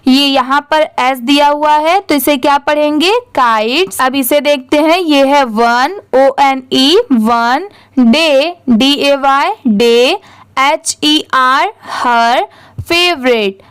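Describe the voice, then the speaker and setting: High-voiced Indian woman teaching reading. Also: slow pace, a bit bright, no echo. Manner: spells words letter by letter, then says them; asks and answers her own questions. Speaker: English teacher. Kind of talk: slow step-by-step reading lesson.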